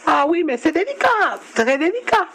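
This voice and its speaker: A man's voice: very high-pitched, very animated, moderate pace, a bit bright, exaggerated voice. A man playing a fretful, hesitant elderly grandmother in a radio serial, full of exclamations. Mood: worried. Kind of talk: radio serial drama acting.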